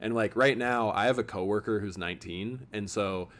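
A man's voice: fairly low pitch, normal speed, a bit bright. Chatty young man hosting a podcast. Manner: rambling, many "like" fillers, reflective. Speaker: podcast host. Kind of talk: casual podcast chat.

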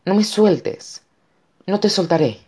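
Guy doing a scared kid yelling for his mom, way higher, shouty and desperate. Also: expressive, very slow, husky, exaggerated voice. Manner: anguished shouting. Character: frightened desperate boy screaming for his mother.

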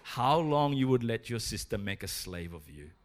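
A man's voice: medium pitch, very animated, moderate pace, natural voice. A male preacher voicing a kind, knowing grandmother over 60 in a story. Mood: gentle. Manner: gentle, warm. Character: kindly grandmother, gentle and knowing.

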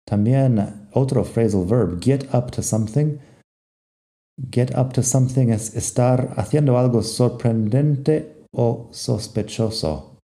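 A man's voice: mid-range voice, dark tone. A man teaching English phrases, reading both sides of short example dialogues himself. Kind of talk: explaining English phrases to Spanish speakers.

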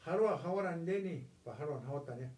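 A man's voice: fairly high pitch, animated, a little fast, a little mellow. A man in casual conversation explaining words and giving everyday examples of how they are used. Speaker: native speaker teaching words. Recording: echoey room.

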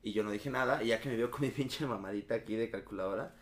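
A young Mexican man telling school stories in a loose, slangy, animated way. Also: lowish voice, fast. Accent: Mexican Spanish. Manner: storytelling, slangy and animated, acts out quotes. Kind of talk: casual chat.

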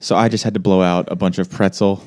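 Deadpan young man with a low, dark voice. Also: quick pace. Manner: dry, blunt, deadpan answers. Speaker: podcast co-host. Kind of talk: casual chat.

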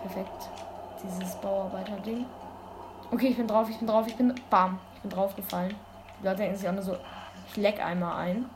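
A woman giving casual gameplay commentary, excitable and full of youthful slang, breaking into sudden loud exclamations. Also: mid-range voice, normal speed. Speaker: let's play gamer. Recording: constant background noise.

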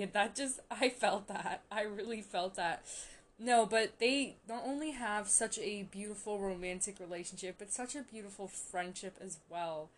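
A young woman in a casual reaction vlog, gushing and excitable, talking with lots of filler words. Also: medium pitch. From Canada. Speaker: vlogger reacting to a TV series.

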